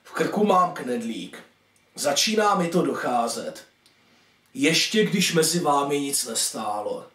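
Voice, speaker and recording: Animated man reading a story, echoey. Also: fairly high pitch. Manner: expressive, voices each caller. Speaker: author reading his own story. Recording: echoey room, distant mic.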